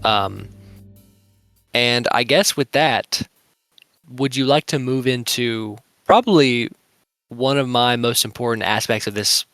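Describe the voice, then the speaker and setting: A man's voice: medium pitch, takes it slowly, long pauses, a bit bright, no room sound, faint music behind. A young man co-hosting an anime review podcast, rambling in casual chat with lots of filler words. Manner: rambling, heavy use of "like" fillers. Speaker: podcast co-host.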